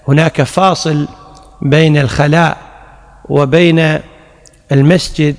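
Guy with a high voice explaining religious rulings, repeats stuff to drive it home, echoey hall. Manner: explanatory, repeats key phrases, recites examples. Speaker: Islamic scholar answering questions. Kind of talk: religious Q&A lecture. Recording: long hall reverb.

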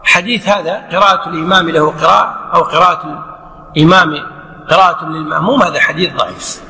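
A man's voice: a little high, quick pace, pushed and bright. A man giving a religious lesson on prayer rulings, explaining with rhetorical questions and by acting out the imam and the worshipper. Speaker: Islamic scholar teaching. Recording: echoey hall reverb.

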